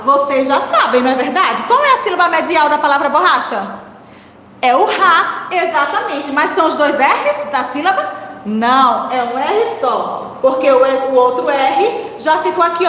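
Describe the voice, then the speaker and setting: A woman's voice: high-pitched, expressive, measured pace, fairly bright tone, a little hiss or hum. A woman teacher giving a recorded lesson to young children, spelling out words syllable by syllable and asking them encouraging questions. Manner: encouraging, asks the class questions. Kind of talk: primary-school literacy lesson. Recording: echoey room with long reverb.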